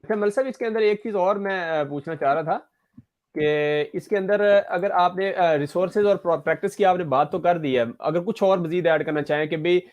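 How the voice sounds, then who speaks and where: Man, interviewer, slightly high voice, hesitant questions. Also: normal speed, highs cut off. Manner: hesitant, many fillers when asking questions. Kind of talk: online interview.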